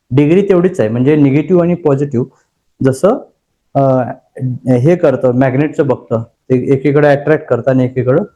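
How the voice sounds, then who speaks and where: A man's voice: a little high, warm tone. A male course trainer giving a motivational lecture to a class, speaking emphatically, telling personal stories and often asking the room rhetorical questions. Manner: tells personal stories with dramatized inner voices.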